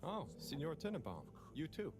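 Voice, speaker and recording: An actor playing a polite, earnest young fish-station worker in a video game. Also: male voice, fairly high pitch, big pitch swings, moderate pace, over music.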